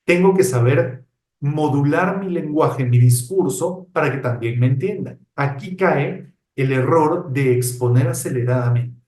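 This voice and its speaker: A man gives an online lecture as a counselor, his voice sitting a little high for a man. He keeps it animated, raising and dropping his tone and volume to make his points. His voice reaches the microphone with a roomy echo. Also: measured pace, recorded from a distance. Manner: animated, varies tone and volume on purpose, addresses the audience as "chicos". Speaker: psychologist and employability counselor giving a webinar. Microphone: close to a computer microphone.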